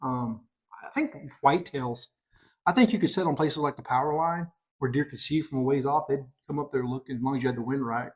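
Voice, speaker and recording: A middle-aged man hosting a podcast, telling a hunting story in casual chat, excitable and animated. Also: mid-range voice, brisk, lo-fi sound. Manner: excitable, animated storyteller, voices others in quotes. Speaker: podcast host.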